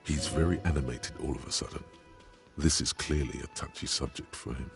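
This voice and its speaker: A man's voice: very deep voice, brisk, soft background music. A man voicing a solemn game narrator with a grave, dryly mocking delivery. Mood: wry. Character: deep solemn male game narrator, wry.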